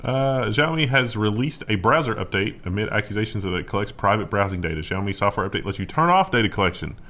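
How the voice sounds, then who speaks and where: A man with a lowish voice co-hosts a laid-back tech news show. He reads out headlines, then riffs on them with jokes. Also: animated, fast, pushed and bright. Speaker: co-host. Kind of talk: casual tech news chat.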